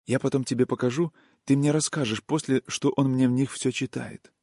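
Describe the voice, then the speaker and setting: Male reader doing a young peasant woman, soft, soothing, singsong, raised pitch, dry audiobook sound. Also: fairly even intonation, a little fast, gravelly, dry recording. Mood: tender. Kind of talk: audiobook reading.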